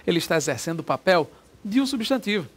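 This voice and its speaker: A man's voice: high voice, very animated, quick pace. A man teaching a grammar lesson for an exam, explaining step by step and asking himself rhetorical questions.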